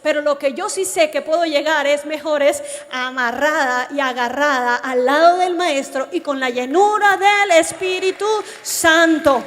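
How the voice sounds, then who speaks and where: A Colombian-accented woman preaches a youth sermon, sharing personal testimony and speaking directly to her listeners. Her high, fairly bright voice moves at a measured pace with few pauses. She is in a large meeting hall, where the sound system adds a long reverb.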